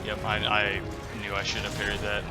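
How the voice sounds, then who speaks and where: A man's voice: fairly low pitch, monotone, moderate pace, over loud music. A man giving casual, opinionated commentary as he plays a video game, with some loose swearing. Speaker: gaming video host. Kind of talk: casual game commentary over live play.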